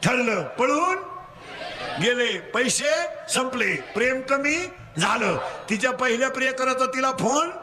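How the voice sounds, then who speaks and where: A man with a Marathi accent preaching a comic kirtan sermon, teasing the audience and making them shout answers back. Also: extremely high pitch. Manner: rapid call-and-response, drilling the crowd to answer; teasing, scolding schoolboys.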